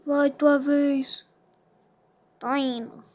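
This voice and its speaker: A high-voiced female speaker acting out a playful improvised story, doing several characters in turn. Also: little pitch movement, very slow, heavy background noise.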